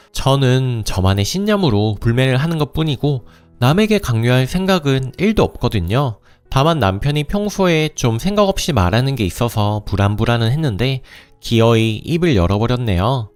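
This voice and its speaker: A man reading a first-person life story aloud as calm, scripted narration. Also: medium pitch, dry recording.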